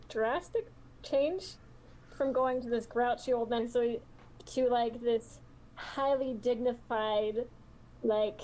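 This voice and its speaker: A woman's voice: a little high, dark tone, a little hiss or hum, rough recording. A woman playing in a tabletop game, describing her character at length with giggles. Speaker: player. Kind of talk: casual tabletop play.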